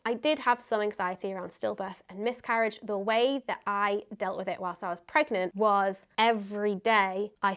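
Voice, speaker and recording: A woman with a medium-pitched voice hosts a casual vlog, answering questions. She talks in a candid, conversational way, as though working out her thoughts aloud. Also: fairly bright tone. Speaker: video host answering viewer questions.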